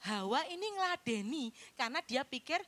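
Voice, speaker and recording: A woman's voice: sits high, sing-song, fairly quick, a bit bright. A woman evangelist, preaching a chatty sermon and teasing members of the congregation by name.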